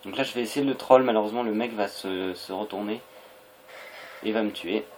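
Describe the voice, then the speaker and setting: A man's voice: fairly low pitch, brisk, a little mellow. A young adult Frenchman gives casual, hesitant and rambling gameplay commentary on a noisy home recording. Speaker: gaming video creator.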